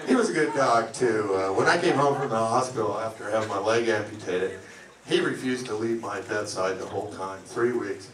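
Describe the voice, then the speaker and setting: A middle-aged man doing a stand-up comedy set, delivering deadpan one-liners. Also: fairly low pitch, moderate pace, far from the mic, crowd noise. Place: comedy club lounge. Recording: echoey club, mic heard from afar, loud noise. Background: audience laughter.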